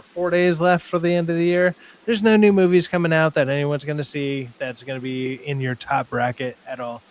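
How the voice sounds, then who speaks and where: A man hosting a casual online panel chat, joking and swearing as he steers the talk. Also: on the high side. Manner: joking, profane, talks over guests. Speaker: podcast host.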